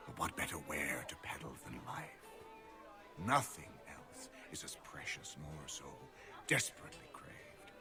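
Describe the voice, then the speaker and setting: An actor playing a mercenary male physician who talks calmly and reasons coolly in a game scene. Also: very deep voice, full character voice. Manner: calm, measured, coolly reasoned. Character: cold, mercenary male doctor who loves money. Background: game music.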